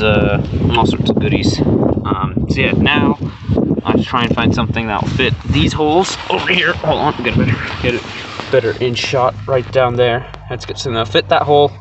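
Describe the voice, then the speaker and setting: Swearing guy filming a car repair. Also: medium pitch. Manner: swears freely, sarcastic, rambling asides. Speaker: vlogger. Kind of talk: casual DIY repair vlog. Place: working on a car door. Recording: dull lo-fi with loud background noise.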